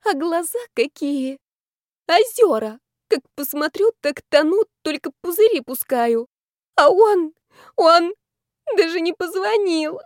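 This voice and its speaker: A woman's voice: sits high, big pitch swings, measured pace, a little mellow, no room sound, clean studio sound, pitched above the performer's own voice, heavily acted. A woman doing a tipsy, weepy lovesick young woman. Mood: tearful. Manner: wailing, melodramatic sobbing delivery.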